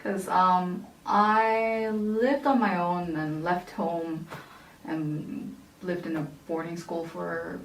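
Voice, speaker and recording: A young woman from South Korea chatting casually in an interview, relaxed and thoughtful, with many fillers. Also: lowish voice, slow, a little hiss or hum. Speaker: interviewee, university staff member. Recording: roomy echo, mic at a distance.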